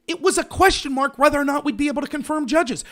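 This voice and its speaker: A man with a strikingly high, sharp voice launches into a heated political rant, talking fast. He relies on sarcasm and rhetorical questions, hammering every point with emphasis.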